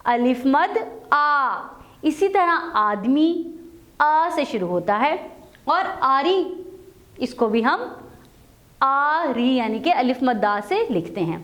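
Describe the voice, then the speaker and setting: A woman's voice: high voice, big pitch swings, takes it slowly, long pauses, a bit bright. A woman teaching young children the alphabet in a patient, explaining manner, often asking them questions, with an Urdu-speaking Pakistani accent.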